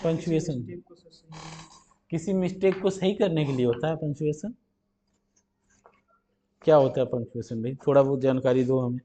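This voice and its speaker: A male teacher going through multiple-choice questions, reading the English slowly and explaining it in Hindi with rhetorical questions. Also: mid-range voice, mellow. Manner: asks rhetorical questions and answers them. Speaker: ITI teacher.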